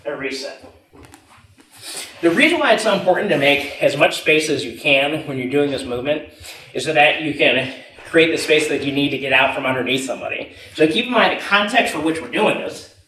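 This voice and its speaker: A man's voice: on the high side, animated, fairly quick, pushed and bright. A young man giving instructions as a martial arts coach, talking while he demonstrates movements on the floor. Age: young adult. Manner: physically active, talking while moving on the floor. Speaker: jiu-jitsu instructor. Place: matted martial arts gym room, indoors. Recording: echoey room, distant mic, background noise.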